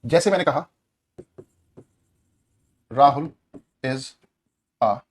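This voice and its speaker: A man teaching an online grammar lesson in a Hindi accent, energetic, repeating key words and asking students questions. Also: medium pitch, drawn-out words.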